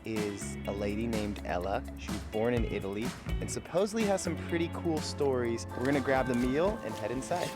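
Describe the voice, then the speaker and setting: A man hosting a vlog, presenting in a friendly, lively way. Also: medium pitch, a little fast, few pauses, loud music behind the voice. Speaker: vlog host.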